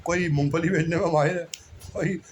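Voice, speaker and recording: Man, casual rambling monologue, humble, repetitive, high-ish voice, faint background noise. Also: fairly even intonation, a little fast, low-quality recording. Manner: rambling, repeats himself, keeps saying "bhai sahab"; humble, self-deprecating. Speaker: religious speaker.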